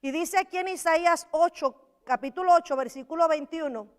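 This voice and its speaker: High-voiced woman preaching with animation. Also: a little fast. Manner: animated preaching, acting out Bible voices, addressing listeners as brother. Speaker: pastor. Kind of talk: sermon.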